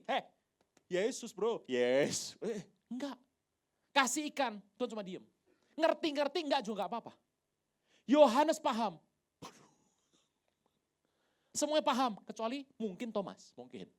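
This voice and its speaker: Animated woman preaching in a church. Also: on the high side. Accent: Indonesian. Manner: animated storytelling, quick voice changes, whispers and shouts. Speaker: pastor. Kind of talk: lively sermon with acted-out Bible scenes. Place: large church hall.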